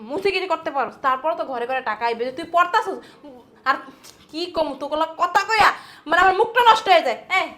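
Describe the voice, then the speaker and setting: A woman playing a shrill, spiteful sister-in-law. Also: bright, forceful tone. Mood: scornful. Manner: shrill, berating, mocking. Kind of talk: amateur family drama acting.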